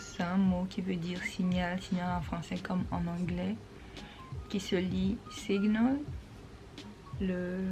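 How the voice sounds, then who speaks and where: A woman vlogger explaining English pronunciation in a casual talk, repeating words slowly and patiently. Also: fairly low pitch, mellow.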